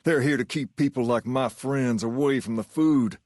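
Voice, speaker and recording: A male actor plays an easygoing video game gang boss who carries himself like rock-and-roll royalty. He sits at a middling male pitch and talks in a measured, folksy, colloquial way. The sound is dry and close, and he comes across as sure of himself. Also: a little mellow, no echo, natural voice. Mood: cool, assured. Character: easygoing, self-assured gang leader styled as a rock-and-roll king. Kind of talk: scripted game character dialogue.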